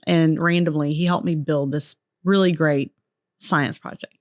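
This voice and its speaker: A woman in her forties co-hosting a podcast, chatting casually and telling animated stories with frequent laughter. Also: sits low, unhurried, no echo, studio quality. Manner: animated storyteller, laughs often. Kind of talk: casual chat.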